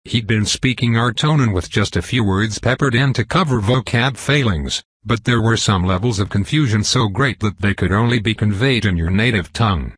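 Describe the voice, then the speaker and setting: Low, husky male narrator. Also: moderate pace, hardly any pauses, no room sound. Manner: even, flat reading that voices symbols aloud. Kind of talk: audiobook narration.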